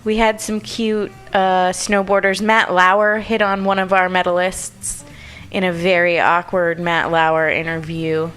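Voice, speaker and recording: A woman's voice: on the low side, little pitch movement, unhurried, a bit bright, smooth, soft background music. A woman co-hosting a radio studio podcast, reading out the news with playful, teasing banter. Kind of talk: casual banter.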